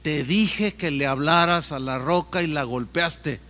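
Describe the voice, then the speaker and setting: A man's voice: on the high side, measured pace, sharp tone, voice pushed down. A man voicing God, grave and stern. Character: stern God rebuking a servant, male.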